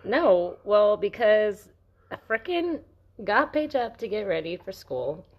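A woman's voice: medium pitch, very animated, takes it slowly, dull audio. A middle-aged woman co-hosting a podcast, talking in a blunt, venting way and swearing freely in casual chat. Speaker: podcast co-host.

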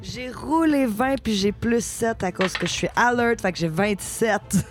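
A player with a Quebec French accent, taking part in a tabletop game in a playful, excitable way. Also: medium pitch, a little slow, loud music behind the voice.

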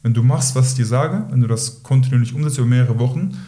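A man's voice: medium pitch, fast, dark tone. A man who works as a weight-loss coach, talking directly and instructively in a casual podcast conversation, often closing his points with a short "so". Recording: roomy echo.

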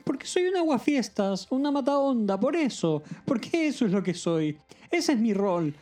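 High, lively voice of a self-pitying young woman, as a woman puts her on. She rambles through a tearful confession and runs herself down. Her voice swings widely in pitch. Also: moderate pace.

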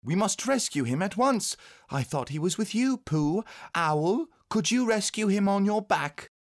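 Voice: mid-range voice, lively intonation, unhurried, pitched above the performer's own voice. A reader playing an eager, tender-hearted young boy in a children's storybook, earnest and exclamatory. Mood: urgent.

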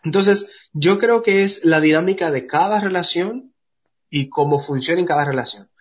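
Earnest husky Dominican man. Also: a little high, normal speed, highs cut off. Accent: Dominican Spanish. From Dominican Republic. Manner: earnest, explains at length with restarts. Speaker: podcast co-host. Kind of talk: casual discussion.

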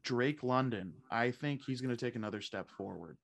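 A man's voice: medium pitch, normal speed, gravelly. A man co-hosting a fantasy football podcast in casual chat, thinking aloud and often restarting his sentences.

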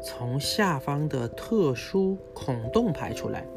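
With music behind him, a father teaches his little one about animals from a book, explaining bit by bit and asking small questions along the way. His fairly high voice is sing-song and slow, with vocal fry.

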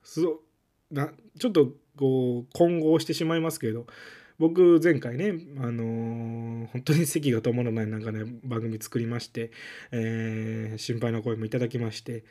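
A man's voice: medium pitch, fairly even intonation, normal speed. Strained-voiced Kansai man hosting a podcast. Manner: gentle, reassuring, with many soft fillers. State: strained, lowered voice from a cough illness. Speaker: podcast host. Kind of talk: casual solo radio talk. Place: makeshift room, not his usual studio.

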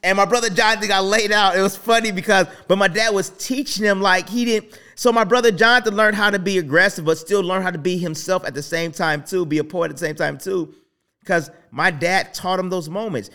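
A man in his thirties hosting a faith talk show, telling personal stories in a casual, animated way with many restarts. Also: sits high, brisk. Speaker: podcast host.

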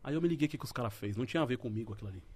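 A man's voice: medium pitch, lively intonation, rapid-fire, a little mellow. A man telling a story in a casual, slangy podcast chat. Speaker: podcast guest.

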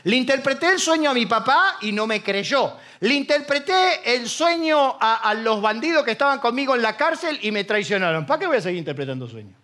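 A middle-aged man with a Rioplatense Spanish accent preaching a sermon as pastor, lively and acting out the voices of people he quotes. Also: very high voice, a little fast, hardly any pauses.

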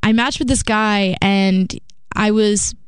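A woman's voice: mid-range voice, steady tone, slow, clear, resonant tone, no room sound, studio quality. A young woman telling personal anecdotes in casual chat, giggly and self-deprecating. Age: young adult.

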